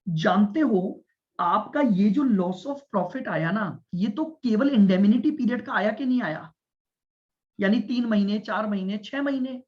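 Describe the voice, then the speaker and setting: Male lecturer with a fairly high voice, deliberate classroom explainer who keeps checking understanding; dull lo-fi recording. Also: a little mellow. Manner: explains step by step, repeats points and checks understanding with students; speaks deliberately and stresses listening. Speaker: commerce teacher. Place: classroom with students.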